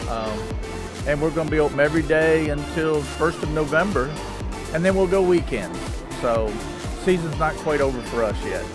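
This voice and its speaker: A man who runs a food stand, speaking in a relaxed, matter-of-fact way. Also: fairly high pitch, normal speed, over music. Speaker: food vendor.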